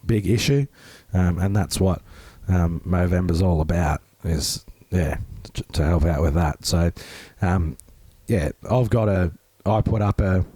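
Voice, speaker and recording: A man with a hoarse, grating, strained voice, chatting casually as a podcast co-host. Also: low voice, unhurried, few pauses, dark tone, dry recording. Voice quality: grating, rough. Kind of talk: casual chat.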